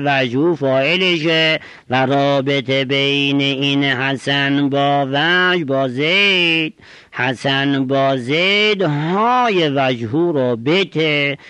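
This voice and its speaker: A man teaching a traditional grammar lesson, reading short Arabic phrases and explaining each one in a measured, explanatory cadence. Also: medium pitch, fairly bright tone, no room sound.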